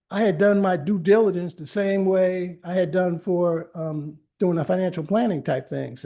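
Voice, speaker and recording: A man's voice: sits high, darkish tone. An older man, an attorney, giving an informal library talk, telling stories in a chatty way with many restarts and asides. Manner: anecdotal, conversational, frequent restarts and asides. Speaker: attorney and workshop presenter. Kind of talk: informal lecture with personal stories. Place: library meeting room.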